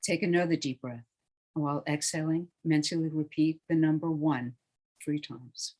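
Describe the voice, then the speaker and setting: A calm meditation guide talking listeners down into deep relaxation. The delivery is slow, hushed and soothing, with phrase endings that fade to near quiet. The voice sits at an ordinary middle pitch.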